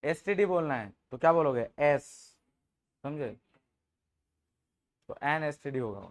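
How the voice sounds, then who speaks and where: A man's voice: a little high, lively intonation, a little slow. A man teaching an English grammar class in Hindi, joking with students and often checking if they understood. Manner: jokes with the class, informal and teasing.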